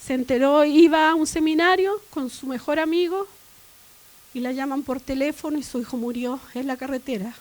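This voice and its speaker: High-voiced woman preaching a sermon. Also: normal speed, rough recording. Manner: rising to loud emphatic repetition. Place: church.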